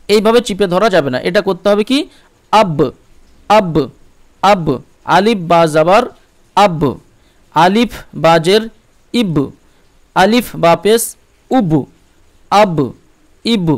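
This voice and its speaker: A man's voice: high voice, clear, resonant tone. A man with a Bengali accent teaching Quran reading step by step, patiently repeating syllables and checking in with "okay". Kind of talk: step-by-step recitation lesson.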